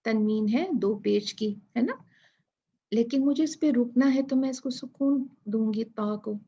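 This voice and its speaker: A woman's voice: a little high, a little slow, mellow, husky, muffled recording. A woman teaching Quran recitation rules, patiently repeating each letter and word to demonstrate. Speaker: tajweed teacher.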